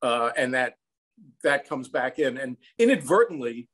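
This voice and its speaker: An American songwriter and film composer in his sixties, appearing as an interview guest over a video call, tells anecdotes in a reflective, conversational way from a small room at home. His mid-range voice is sing-song and a bit bright, with a breathy edge and a measured pace.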